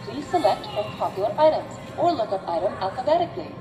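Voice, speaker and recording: A woman's voice: fairly high pitch, big pitch swings, fast talker, music in the background. A woman's voice recorded as a polite automated self-checkout machine voice, giving clipped store checkout instructions.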